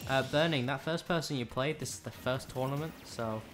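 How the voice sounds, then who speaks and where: A man's voice: medium pitch, a little fast, a bit bright, soft background music. A man, co-commentating casually, blunt and distracted, swearing often. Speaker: tournament organizer and co-commentator. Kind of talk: casual commentary and stream chat.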